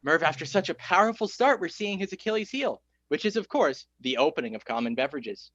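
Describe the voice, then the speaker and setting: In a stage comedy, a woman plays a seasoned, opinionated sports color commentator, giving mock analysis with confident punditry. Her deep, fairly bright voice is brisk and lively in intonation, with an emphatic, punchy analyst cadence. The live stage recording sounds dull.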